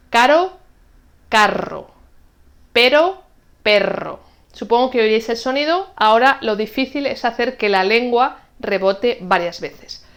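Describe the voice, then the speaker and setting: A woman from teaching an online Spanish lesson, explaining rules clearly and patiently and saying example words slowly. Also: on the high side.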